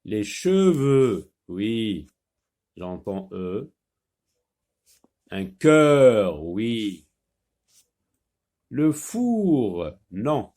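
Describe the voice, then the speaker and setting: A man teaching a French phonics lesson, saying each word slowly and repeating it with patience. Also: fairly low pitch, very animated, darkish tone. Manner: slow, patient, repeats words clearly.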